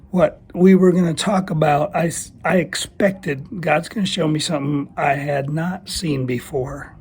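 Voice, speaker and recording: A man giving a casual devotional talk in a thin, squeaky, strained voice, as if under the weather, with a folksy, self-deprecating manner. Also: darkish tone, husky. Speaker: church small-group leader giving a video teaching.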